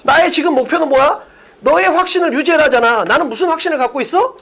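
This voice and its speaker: A woman teaching English for an exam at a blackboard. She talks briskly and emphatically, asks questions and answers them herself, and acts out quoted speakers in a raised voice. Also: sits high, gravelly, fairly bright tone. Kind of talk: exam-prep lecture at a blackboard.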